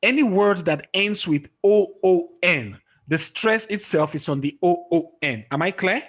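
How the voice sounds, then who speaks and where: A man's voice: high-pitched, expressive, unhurried, a bit bright. A man teaching an English pronunciation lesson over a video call, checking often that his student follows. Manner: checks understanding often with "okay?". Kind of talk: online tutoring lesson.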